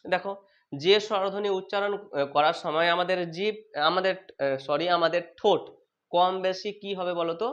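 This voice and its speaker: A man teaching a lesson, who asks questions and then answers them himself, repeats terms slowly and corrects his own slips aloud. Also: high-pitched, fairly bright tone. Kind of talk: exam-prep lesson on vowel sounds. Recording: dull lo-fi sound.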